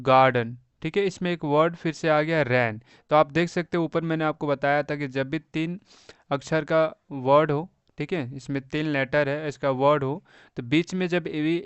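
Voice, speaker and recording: A man's voice: fairly high pitch, clean tone, no echo, lo-fi sound. A man teaching beginners to read English, spelling words out letter by letter and checking in often with a friendly "okay". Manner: slow, spells words letter by letter and repeats "thik hai". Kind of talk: phonics lesson for beginners.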